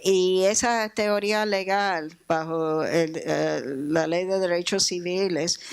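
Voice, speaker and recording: A woman explaining things as a panel speaker, in halting, hesitant phrases. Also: on the low side, clean tone. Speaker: panel speaker with legal experience.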